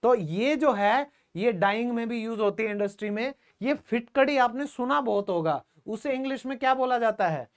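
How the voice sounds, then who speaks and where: Speaking at a moderate pace with very few pauses, a man with a very high, expressive voice teaches English in an online class. He asks questions, supplies the answers, frequently addresses viewers as "friends," and repeats key words.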